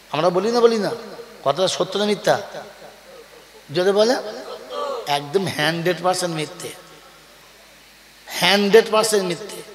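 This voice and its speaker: A male Islamic preacher delivering a waz sermon, quizzing the crowd, calling for loud answers and telling homely stories with a joking edge. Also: high voice. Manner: call-and-response, quizzing the crowd and urging them to answer loudly. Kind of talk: Bengali waz sermon to a live gathering. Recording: echoey hall from a public address system.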